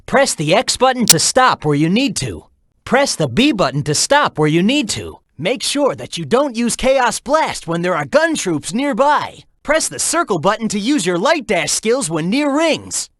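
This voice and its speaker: A man voicing a cocky, upbeat young hedgehog hero in a video game, energetic, breezy and teasing as he guides his partner. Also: high-pitched, no echo, clean studio sound, full character voice. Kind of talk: video game character voice lines.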